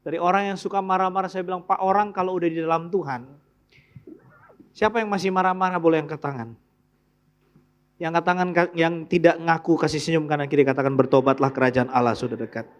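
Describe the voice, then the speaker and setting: A man preaching a sermon in church as pastor, telling humorous stories with sudden loud outbursts and quiet asides. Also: high-pitched. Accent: Indonesian.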